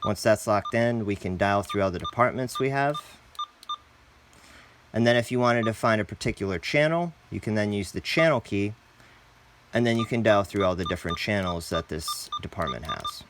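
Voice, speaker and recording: Here a man with a fairly low voice presents a product tutorial at a moderate pace, his pitch swooping wildly. He talks casually and plainly, calls viewers "guys," and there's background noise.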